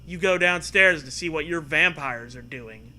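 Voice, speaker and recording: With a fairly high, bright voice and a forceful tone, a man reads a choose-your-own-adventure tale at a moderate pace, hamming it up theatrically. He riffs casually along the way, throwing in profane jokes for laughs.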